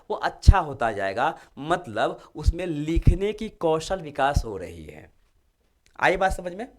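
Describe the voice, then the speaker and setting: Teacher lecturing, slightly raised voice. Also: male voice, a little high. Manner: explanatory, asks students rhetorical check-in questions. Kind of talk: classroom lecture.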